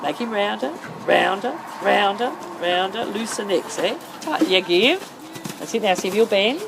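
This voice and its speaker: A woman's voice: mid-range voice, moderate pace, vocal fry. Lady teaching a horse riding lesson outside, insistent repeated commands, mid voice, noisy camera mic audio. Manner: insistent, repetitive short commands. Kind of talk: calling out coaching instructions during a riding lesson. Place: outdoor riding arena. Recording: outdoor noise over camera microphone. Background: outdoor ambient noise.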